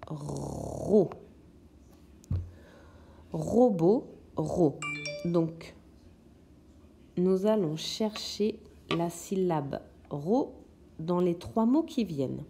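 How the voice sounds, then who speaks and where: A woman's voice: medium pitch, dark tone, a little hiss or hum. A woman teaching young children in a recorded lesson, patiently sounding out words syllable by syllable. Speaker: kindergarten teacher.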